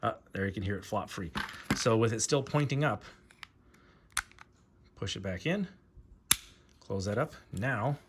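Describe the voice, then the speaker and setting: A man giving a casual hands-on tutorial, talking haltingly with fillers and restarts while he works. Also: lowish voice, lively intonation, heavy background noise. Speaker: host demonstrating pistol disassembly.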